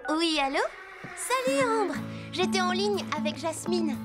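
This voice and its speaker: A phone-obsessed teenage girl in a cartoon chatters eagerly and reassures her friend on the line. The voice sits very high. A music bed plays clearly behind her. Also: lively intonation, a little slow. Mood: helpful. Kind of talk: French cartoon dub.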